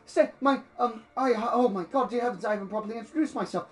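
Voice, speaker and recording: A man voicing a groveling, frantic old male peasant, pleading in a high, breathless voice. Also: fast talker.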